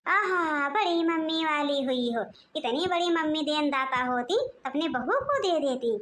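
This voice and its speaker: A woman's voice: sits high, unhurried, fairly bright tone, a little hiss or hum. A woman voicing a short-tempered, suspicious young husband and son-in-law in a cartoon, talking in a curt, scolding way. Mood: angry.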